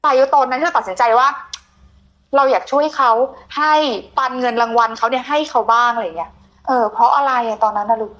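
A woman's voice: on the high side, a little fast, a bit bright, poor audio. A woman hosting a conversational television interview, speaking affectionately to her guest like an older sister. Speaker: TV show host.

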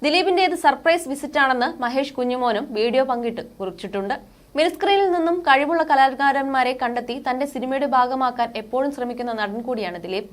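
A woman narrating a scripted entertainment news report in a steady, formal read-out manner. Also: high voice. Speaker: news reader.

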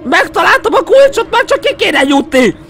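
A young man with a Hungarian accent commentating a horror game, excitable and jumpy, muttering to himself between yelps. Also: extremely high pitch, vocal fry. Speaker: gaming YouTuber. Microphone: headset. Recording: faint game music behind.

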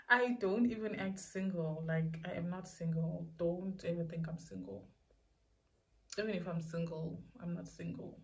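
A young woman with a South African accent chats in a giggly, tipsy way. Her voice sits slightly low, and she answers questions casually, as in a home vlog. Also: lively intonation, a little slow, a bit bright. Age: young adult. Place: small indoor room.

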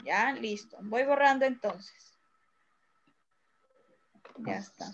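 A woman's voice: fairly high pitch, slow pace, highs cut off. A woman with a Peruvian Spanish accent teaching young children in an online class, patiently going over an exam and checking in often. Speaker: primary school teacher. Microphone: video call.

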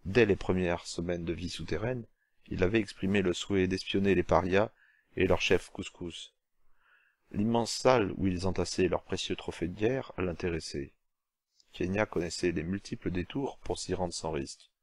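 A man reading an audiobook in scripted narration, steady and measured. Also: sits low, no room sound.

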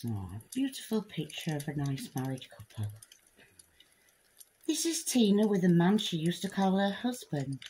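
Woman, lowish voice, deadpan comic bedtime-story reader. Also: moderate pace, a little hiss or hum, rough recording. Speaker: reader of a parody picture book.

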